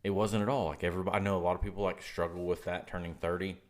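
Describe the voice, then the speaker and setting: A man's voice: low-pitched, little pitch movement, very fast, darkish tone. A man, co-hosting a podcast in loose, profane banter and laughing often. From Oklahoma. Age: 30s. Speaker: podcast co-host.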